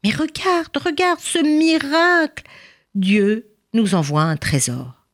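A woman voicing a poor, eager father in a told story, with excited exclamations. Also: fairly low pitch, normal speed, slightly rough. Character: poor jobless father, hopeful then eager.

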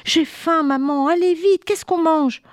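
A woman's voice: a little slow, no echo. A woman voicing an eager, insistent young schoolboy in a children's story, calling out in a pleading, childish way. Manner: pleading, high childish calls.

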